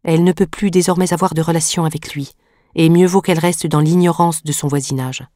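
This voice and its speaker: A woman reading a grave, protective gentleman. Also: low-pitched, fairly quick, dry recording, clean studio sound, close to an everyday voice. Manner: calm, firm instructions.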